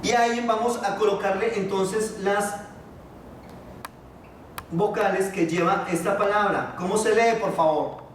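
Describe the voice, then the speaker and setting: A man teaching a Biblical Hebrew class, patiently asking his students questions and pausing on fillers. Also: sits high, fairly even intonation, recorded from a distance, a little hiss or hum. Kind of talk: classroom lesson. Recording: echoey room, voice from afar.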